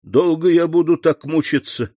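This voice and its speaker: A man's voice: fairly high pitch, normal speed, dark tone, no echo, voice pushed up, natural voice. A man voicing a dying elderly male servant who gasps and pleads in a strained, choking voice, in an audiobook reading. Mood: anguished. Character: dying old male servant in agony, gasping.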